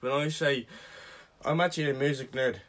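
A man's voice: mid-range voice, steady tone, fairly quick, a bit bright. A young man co-hosting a casual podcast, blunt and repeating himself. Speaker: podcast co-host.

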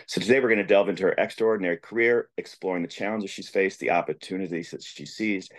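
Deep-voiced man hosting an interview. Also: quick pace. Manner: earnest, effusive questions with fillers. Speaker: podcast host.

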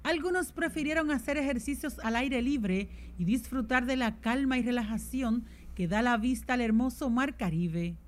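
High-pitched woman reporter. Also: normal speed, few pauses, a little hiss or hum. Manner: even, formal reporting voice-over. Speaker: field reporter. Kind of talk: scripted news report.

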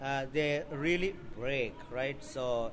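A man, a parish priest, answering an interview in halting, hesitant phrases. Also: fairly bright tone. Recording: noisy location with background rumble.

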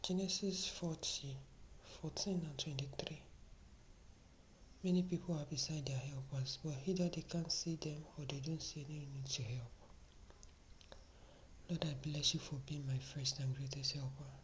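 A middle-aged woman leading a fervent daily prayer in a soft, breathy whisper, repeating her petitions. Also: low-pitched, fairly even intonation, normal speed, pauses often, slight background noise, low-quality recording. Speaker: prayer leader.

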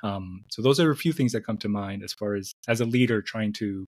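A fairly low-pitched, fairly quick male voice belongs to a middle-aged man from the Dominican Republic who was raised in New York City. As a conversational interview guest, he speaks thoughtfully, restarting and repeating words often.

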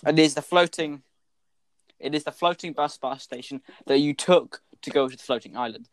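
A man's voice: a little high, normal speed, no echo, rough recording. Young man running a playful tabletop game. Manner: playful, hums sound effects and does silly voices. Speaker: game master. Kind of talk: narrating a tabletop game over voice chat.

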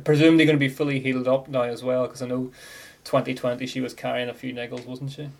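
Male podcast host, gravelly creaky voice, casual sports chat. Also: mid-range voice, level tone, fast, darkish tone.

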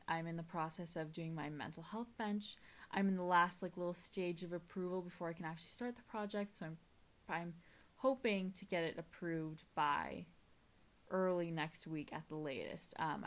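Teen girl, solo podcast host, low-ish voice, loose rambling delivery full of ums and restarts, slightly tired. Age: teens. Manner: rambling with many fillers and restarts. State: tired, yawning. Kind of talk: casual solo podcast chat.

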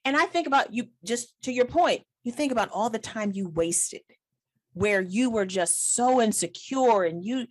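A woman's voice: fairly high pitch, animated, moderate pace. Emphatic woman in her late forties. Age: 40s. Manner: emphatic, encouraging, laughs often. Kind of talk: casual chat.

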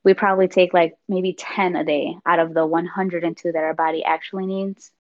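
A woman's voice: fairly low pitch, little pitch movement, a little fast. A woman co-hosting a podcast, chatty and explaining things at length in a casual way. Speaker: podcast co-host. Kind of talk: casual chat. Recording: dull lo-fi audio.

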